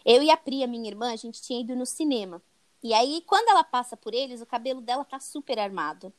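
A woman's voice: fairly high pitch, lively intonation, fast talker, no echo. A young Brazilian woman co-hosting a podcast, casually retelling a book chapter and tagging her sentences with "né?". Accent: Brazilian Portuguese. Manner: chatty, tags sentences with "né?". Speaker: podcast co-host.

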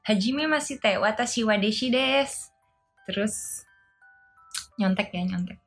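A woman's voice: on the high side, slow, fairly bright tone, husky, faint music behind. A woman chatting casually on a live stream, playful and laughing often as she reads viewer comments aloud and tries simple Japanese phrases.

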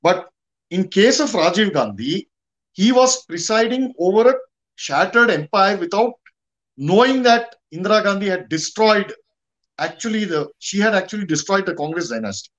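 A man with a distinctly high-pitched voice and an Indian accent speaks as a guest commentator. He talks conversationally, halting often and repeating phrases to drive them home. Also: expressive, a bit bright, low-quality recording. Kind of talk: conversational history and politics discussion.

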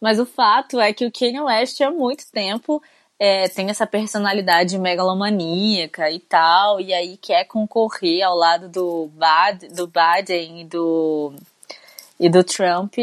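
A woman's voice: medium pitch, fairly even intonation, unhurried, fairly bright tone, no echo. A Brazilian woman co-hosting a talk show, chatting in a casual conversational way with frequent tag questions, sounding sleepy. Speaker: co-host. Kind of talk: casual news commentary.

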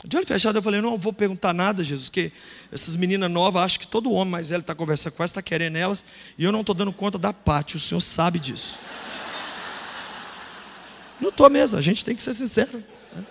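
A middle-aged man from Brazil preaching a sermon testimony, telling a story animatedly and acting out the voices with bursts of loud emphasis. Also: high-pitched, lively intonation, quick pace, pauses often, slight background noise. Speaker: pastor. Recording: reverberant hall.

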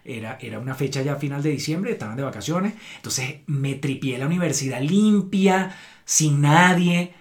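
A Venezuelan man co-hosts a podcast, telling travel stories in casual, slangy chat with colloquial swearing. His voice is fairly high-pitched and expressive, at a moderate pace.

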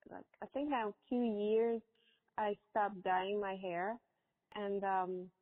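A woman in her forties from Morocco, telling a personal story as a podcast guest in a halting, hesitant way. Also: mid-range voice. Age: 40s. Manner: halting, hesitant with many pauses. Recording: echoey, tinny phone-like line.

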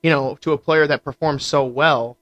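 A man co-hosting a casual sports podcast, animated and steering the conversation, laughing often. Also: on the high side, normal speed, no room sound. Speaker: podcast co-host.

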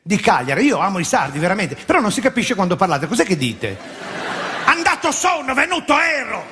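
A man performing a stand-up comedy routine in a theatre, animated and breaking into shouted impressions of regional characters. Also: high-pitched, quick pace, background noise. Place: large theatre stage before a laughing audience. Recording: live theatre recording, long hall reverb, audible ambience. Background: audience laughter.

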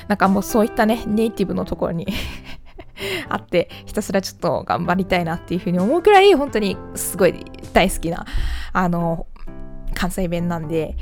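A woman's voice: medium pitch, darkish tone. A woman from the Kanto region, chatting politely as the host of her own solo podcast, with many fillers.

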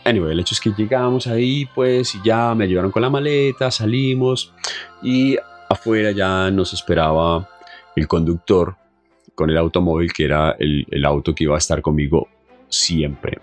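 A young man with a Colombian accent casually telling a travel story in a chatty, animated way, full of asides and fillers. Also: sits low, normal speed, soft background music. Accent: Colombian Spanish.

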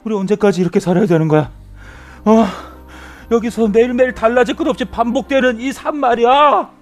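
An actor playing a young male Mars colonist who is sick of the routine, ranting and cursing until his voice breaks into shouts. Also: extremely high pitch, brisk, faint music behind. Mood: bitter complaint. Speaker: crew member number three. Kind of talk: web drama acting.

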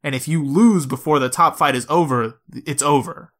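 This podcast co-host talks about video games in a relaxed way, explaining each point in sequence. He speaks at a moderate pace in a somewhat high, slightly bright voice.

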